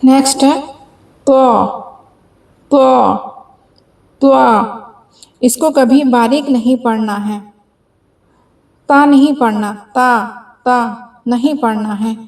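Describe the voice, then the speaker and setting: A woman with a high voice teaches a beginners' reading lesson at a very slow pace. She draws out each letter sound and repeats it three times. Between the sounds she gives patient, careful explanations. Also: fairly even intonation, darkish tone.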